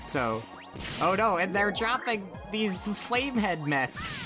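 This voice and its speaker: A man's voice: high-pitched, very animated, slow pace. Casual man explaining a game over music. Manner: explanatory, informal. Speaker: let's play co-host guiding the game. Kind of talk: casual game commentary with friends. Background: video game music.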